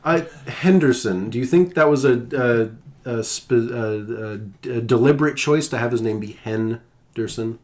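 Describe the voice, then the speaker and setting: A man's voice: mid-range voice, normal speed, a little mellow. A man hosting a podcast, casually recapping a film in a jokey way. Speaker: podcast host.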